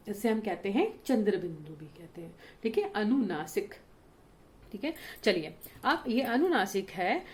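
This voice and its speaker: Woman teacher doing a kids grammar lesson, slow and patient, draws out example words, keeps asking if they get it. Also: mid-range voice. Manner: slow, patient, often checks understanding; stretches example words to show pronunciation. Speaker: school teacher. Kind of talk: Hindi grammar lesson for children.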